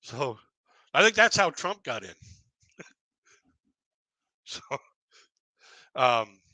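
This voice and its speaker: A man's voice: medium pitch, big pitch swings, drawn-out words, bright, forceful tone, no room sound. A man in his fifties doing casual stand-up comedy on a live stream, rambling and chuckling at his own jokes. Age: 50s.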